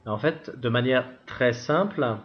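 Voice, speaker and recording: A man's voice: medium pitch, unhurried. A man from France giving an explanatory voice-over of a screen demo, hesitant, with many fillers and restarts. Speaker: engineer presenting a software demo. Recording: dull lo-fi recording.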